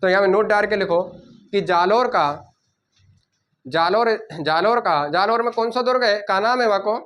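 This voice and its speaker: A man teaching a coaching class, dictating notes and repeating key words slowly so students can write them down. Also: sits high, fairly bright tone.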